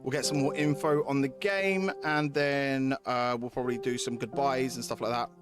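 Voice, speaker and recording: A man with a medium-pitched, fairly even voice talks at a moderate pace to viewers on his game livestream, casual and sweary and prone to repeating himself. He is an adult with young kids, and clear music plays behind his voice.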